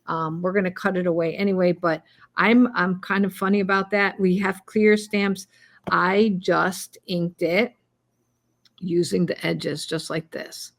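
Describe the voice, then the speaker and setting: A woman's voice: fairly low pitch, fairly even intonation, unhurried, gravelly. A woman co-hosting a cardmaking video, chatting casually and a little rambly as she demonstrates. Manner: chatty, rambling, self-deprecating. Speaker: cardmaking co-host.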